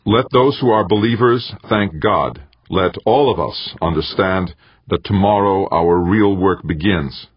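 A man's voice: low-pitched, unhurried, husky, no echo, pitched above the performer's own voice. A man voicing a newly elected male leader giving a rousing speech. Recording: dull dry lo-fi recording.

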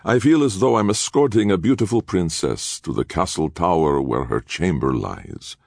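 A man voicing a smarmy, leering courtier who talks in flowery, ingratiating flattery. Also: sits low, moderate pace, creaky, no echo, studio quality, pitched above the performer's own voice, heavily acted.

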